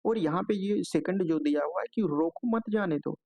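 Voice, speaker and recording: A man's voice: sits high, normal speed, gravelly, mellow, dry recording. A man teaching an exam-prep lesson, explaining step by step, often filling with a stock phrase and checking in with "okay" between points. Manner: explanatory, repeats filler "jo hai" often.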